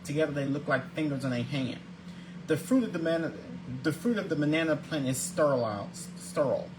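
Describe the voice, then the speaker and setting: A man's voice: a little high, fairly quick, noisy background. A man in his forties hosting his own daily video show, earnest and religious in his greetings, often repeating and restarting words as he reads. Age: 40s. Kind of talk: casual scripted vlog, reading segments aloud.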